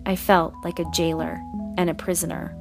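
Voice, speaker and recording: A woman podcast host reading a personal story aloud in a measured, expressive storytelling way. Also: on the low side, music in the background.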